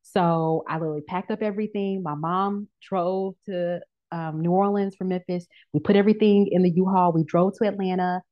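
A woman in her thirties, a podcast guest, tells her story in an animated way, slipping into the voices of the people she quotes. Her voice sits a little low for a woman. The recording sounds dull and lo-fi. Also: moderate pace. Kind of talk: casual podcast interview. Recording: dull lo-fi audio.

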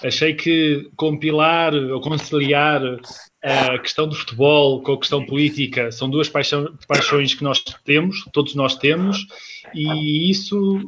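Man with European Portuguese accent on a low quality stream. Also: steady tone, unhurried, a bit bright. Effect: low quality internet stream audio. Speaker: guest commentator. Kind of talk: casual online talk show chat. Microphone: video call. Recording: dull lo-fi streamed audio with faint noise.

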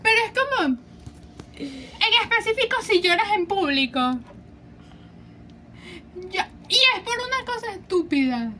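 Young female co-host, very high bright voice, blunt playful chat, faint noise. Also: very animated, unhurried, pauses often. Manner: blunt, playful, agreeing asides. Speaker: podcast co-host. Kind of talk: casual chat.

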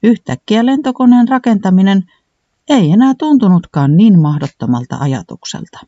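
A man narrating a children's storybook in an animated, sing-song reading style. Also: high voice, no room sound, dull audio.

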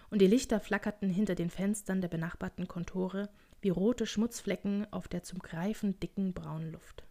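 Woman narrating a storybook. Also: mid-range voice. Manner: measured, expressive storytelling. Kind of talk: audiobook narration.

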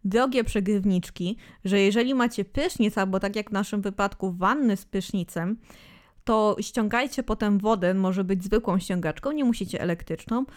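A woman's voice: medium pitch, normal speed. A woman in her thirties co-hosting a podcast, chatting casually and teasingly, with a matter-of-fact way of cutting in. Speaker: podcast co-host. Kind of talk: casual chat.

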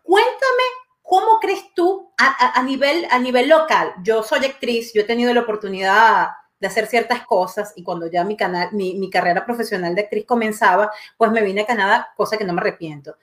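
A woman hosting a casual live-stream chat, animated and talkative. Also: mid-range voice, fairly quick. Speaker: host.

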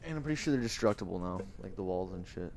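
A man's voice: deep voice, animated, quick pace, a little mellow, slight background noise. A young man co-hosting a podcast, laid-back and crude, swearing often. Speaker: podcast co-host. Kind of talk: casual chat.

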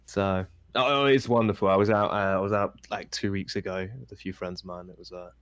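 A man's voice: deep voice, fairly even intonation, brisk, a bit bright, smooth. A man, telling stories as a podcast guest with lots of eager restarts. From England. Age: 20s. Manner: eager storytelling with many restarts. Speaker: guest streamer. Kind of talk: casual podcast chat.

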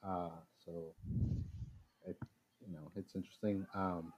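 A man's voice: sits low, flat delivery, measured pace, a little mellow. A man from Mexico, a guest on a podcast, chatting casually and rambling with many fillers and restarts. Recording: slightly dull lo-fi sound with faint noise.

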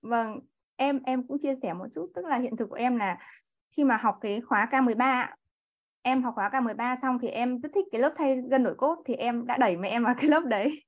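A woman's voice: fairly high pitch, quick pace. A woman in her thirties, chatty and polite, sharing a personal story in an online class over a video call. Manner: chatty, frequent restarts and polite particles. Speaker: class participant. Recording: dull lo-fi online call audio.

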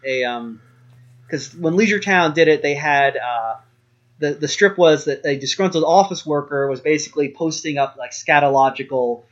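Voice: medium pitch, highs cut off. A podcast co-host talking casually and hesitantly, with many ums and a wry tone. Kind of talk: casual chat.

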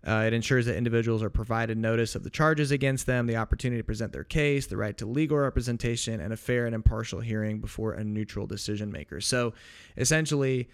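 A man's voice: medium pitch, fast talker, smooth. A man co-hosting a podcast, explaining legal ideas in a loose, rambling casual chat with restarts and jokey asides. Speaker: podcast co-host.

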